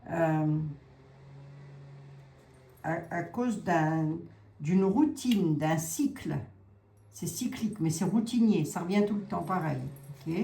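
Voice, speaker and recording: A woman's voice: low-pitched, dark tone. A woman giving a casual psychic card reading, musing aloud, hesitating and repeating herself as she goes. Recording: echoey room with faint ambient noise.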